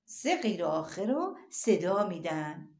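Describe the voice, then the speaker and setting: A woman's voice: on the low side, sing-song, a little mellow, reverberant. A woman teaching young children their letters, drawing out sounds in a sing-song way in a classroom. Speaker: primary school teacher.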